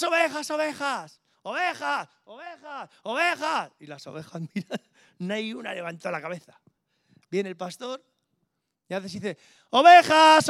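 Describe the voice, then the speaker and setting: A man's voice: sits high, a little mellow, no room sound, studio quality. A middle-aged man preaching a sermon in a conversational, storytelling way, acting out little dialogues.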